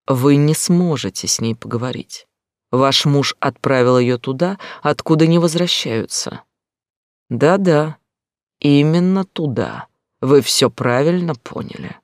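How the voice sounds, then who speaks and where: A man playing a calm, cold male fixer with a mocking edge, speaking in a measured way. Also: fairly high pitch, no echo, studio quality.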